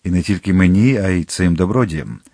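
A man's voice: low-pitched, a little fast, dark tone, husky, dry recording, studio quality. A man voicing a young hot-headed guardsman in an audiobook, speaking urgently and emphatically. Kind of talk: audiobook character reading.

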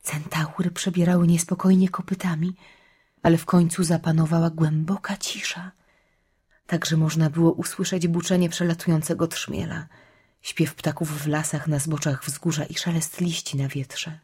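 Low husky woman narrating a story. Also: normal speed. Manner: steady, grave storytelling, drops to a whisper at hushed moments. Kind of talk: audiobook narration.

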